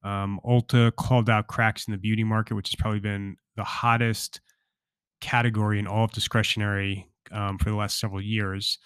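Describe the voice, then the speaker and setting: A man hosting a morning financial briefing, delivering market news in short, rapid updates with an informal, off-the-cuff feel. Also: lowish voice, little pitch movement, a bit bright, clean tone, dry recording, clean studio sound. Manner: informal, off-the-cuff with hedging asides. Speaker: podcast host, market commentator.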